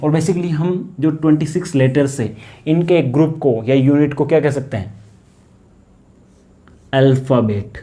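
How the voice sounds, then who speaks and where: A man's voice: a little high, measured pace, long pauses, dark tone. A man with an Indian accent teaching English grammar in a lesson, asking questions and answering them himself and repeating key words. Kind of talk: classroom-style grammar lesson.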